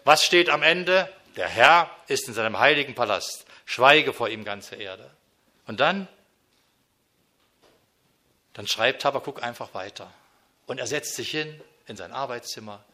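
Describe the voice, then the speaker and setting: A man preaching a sermon in speech, earnest, moving between emphatic declarations and hushed, intimate passages. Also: mid-range voice, expressive, a little slow, long pauses.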